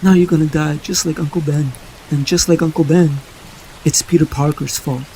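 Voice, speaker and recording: A man's voice: fairly high pitch, steady tone, normal speed, a little mellow, a little hiss or hum, natural voice. A man voicing a guilt-ridden young superhero who sounds panicky and blames himself. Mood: guilty. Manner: panicky, self-blaming. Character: young adult male superhero, anxious and guilty.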